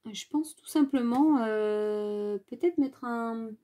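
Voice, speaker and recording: A woman's voice: fairly high pitch, slow, mellow. A woman hosting a casual craft tutorial, thinking aloud while she works, hesitant with many filler sounds and restarts. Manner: talks to viewers while working with her hands.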